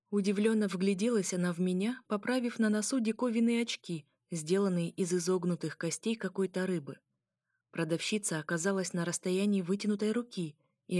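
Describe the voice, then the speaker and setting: A woman narrating a fantasy story in the first person as an audiobook, in an even storytelling manner. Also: lowish voice, dry recording, clean studio sound.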